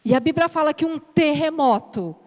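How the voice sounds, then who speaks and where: A woman's voice: sits high, animated, normal speed. A Brazilian woman preaching a sermon in a church, telling an emotional personal testimony and acting out her prayers. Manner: emotional storytelling with quoted prayers. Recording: church hall reverb.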